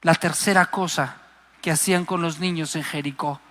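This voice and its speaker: A man's voice: a little high, fairly even intonation, moderate pace, fairly bright tone. A man preaching a Pentecostal sermon, passionate and emphatic, acting out the voices he quotes. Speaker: guest preacher. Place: live church service. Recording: long hall reverb.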